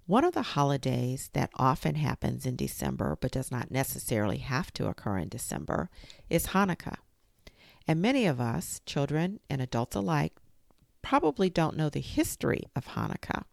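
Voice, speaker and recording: Hosting a storytime show, a woman with an unusually deep, gravelly voice reads aloud from a children's history book at a normal pace. She sounds gentle and careful yet very animated. The recording is close and dry, with no room sound.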